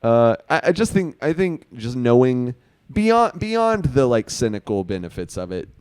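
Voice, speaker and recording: A man co-hosting a podcast, talking in an animated way and swearing freely. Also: medium pitch, normal speed, clean tone, no room sound. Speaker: podcast co-host. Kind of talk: casual chat.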